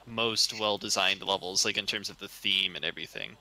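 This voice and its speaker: A man's voice: sits low, brisk, gravelly, pushed and bright, poor audio. A man giving casual speedrun commentary, chatty and rambling, with lots of fillers and easy laughs.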